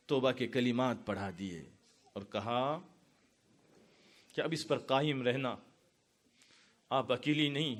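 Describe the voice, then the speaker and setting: A man from India preaching a storytelling sermon to a gathered audience, building to impassioned climaxes. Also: medium pitch. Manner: dramatic, rising to impassioned climaxes.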